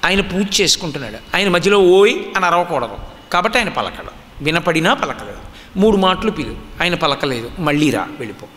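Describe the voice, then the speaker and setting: A man's voice: a little high, very animated, a little fast, bright, forceful tone. A man from the Andhra region giving a religious discourse, teaching emphatically and asking rhetorical questions. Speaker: spiritual discourse speaker. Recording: long hall reverb.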